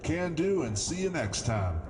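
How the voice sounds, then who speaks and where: A man's voice: on the high side, sing-song, a little slow, heavy background noise. An actor playing a friendly male train engineer answering over a walkie-talkie radio in a children's video. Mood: radio reply. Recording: distant echoey sound with loud music.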